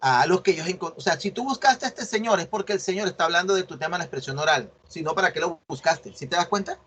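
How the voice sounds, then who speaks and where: The recording carries a little hiss or hum under a man's fast, high-sitting, somewhat bright voice. He teaches at a university and is explaining a research assignment online, correcting students and asking "¿sí ven?" often.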